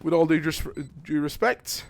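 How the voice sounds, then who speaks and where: A young man casting a live esports match, jokey and excitable, rising to shouts on big plays and dropping to quiet asides. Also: on the high side, moderate pace, vocal fry. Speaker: esports caster.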